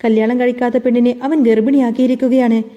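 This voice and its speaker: A woman voicing a furious middle-aged mother who shouts and scorns over the phone. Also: on the high side, little pitch movement, quick pace, highs cut off, close to an everyday voice.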